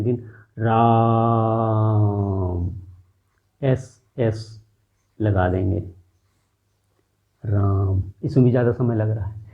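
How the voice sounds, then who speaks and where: A man teaching a classroom lesson at an unhurried, deliberate pace, stretching out each sound he demonstrates. His voice sits at an ordinary middle pitch. The audio is thin and tinny, much like a phone line. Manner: slow, drawn-out demonstration of vowel sounds.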